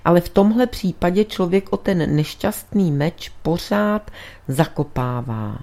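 A woman's voice: on the low side, animated, mellow. A woman voicing a shrewd male priest detective who presses his point earnestly in a storybook reading. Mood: explaining.

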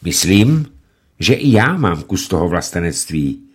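A man voicing an earnest middle-aged male prisoner who speaks in a measured, serious way. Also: deep voice, very animated, slightly rough, heavily acted.

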